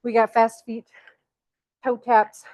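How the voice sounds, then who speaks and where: A woman's voice: a little high, slow pace, lo-fi sound. Winded Southern woman coaching a workout. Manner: energetic countdowns, pushy encouragement. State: out of breath. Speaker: fitness coach. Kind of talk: live workout class cues.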